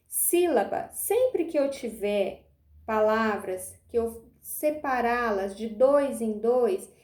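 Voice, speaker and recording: A woman's voice: on the high side, a little mellow, roomy sound. A woman teacher gives a remote lesson to young pupils, stretching her words and checking in often. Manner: patient, drawn-out words, often asks "tá bom?". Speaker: primary school teacher.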